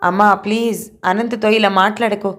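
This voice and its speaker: A woman's voice: mid-range voice, steady tone, moderate pace, a bit bright, close to an everyday voice. Woman reading as a tearful pleading daughter. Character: distressed young woman, a grown daughter.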